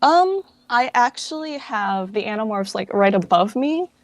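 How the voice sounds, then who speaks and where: Her voice sits on the high side, with lively intonation and a measured pace. This interview guest, a fan project founder, chats casually, giving loose, rambling answers that she often corrects along the way.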